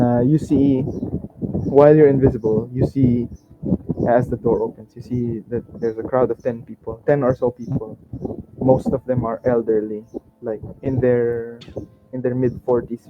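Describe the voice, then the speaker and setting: A man's voice: medium pitch, steady tone, a little slow, pauses often. A man running a tabletop game as game master, laid-back, laughing often and fumbling through his notes. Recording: dull lo-fi sound with faint noise.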